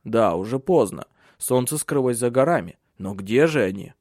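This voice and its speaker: A man voicing a steady, protective husband and father in an audiobook. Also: mid-range voice, moderate pace, dry recording, clean studio sound. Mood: calm. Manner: firm, commanding.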